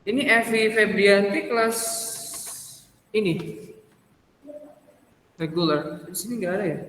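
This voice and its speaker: A man's voice: sits high, unhurried, fairly bright tone, slight background noise. A man lecturing an English class, switching between Indonesian and English and often checking with students through rhetorical questions. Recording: echoey room with long reverb.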